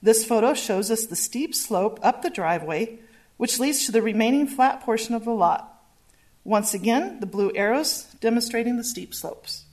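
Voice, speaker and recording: A woman with a fairly high voice walks a public hearing through a zoning staff report. She speaks in a measured way and reads steadily from her slides. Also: animated, darkish tone. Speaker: planning staff presenter. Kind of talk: formal public hearing presentation.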